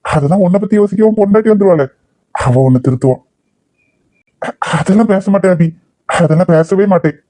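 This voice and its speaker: A man's voice: high-pitched, brisk, pauses often, dark tone, no echo, lightly acted. Man doing a sly coaxing older uncle. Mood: teasing. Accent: Kanyakumari Tamil. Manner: teasing, guilt-tripping. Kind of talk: cartoon voice acting.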